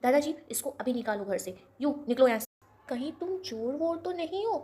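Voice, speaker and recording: A woman playing a fiery young granddaughter, shrill and loud. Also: expressive, fast talker, a little hiss or hum. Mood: furious. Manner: accusing, shouting, sharp-tongued.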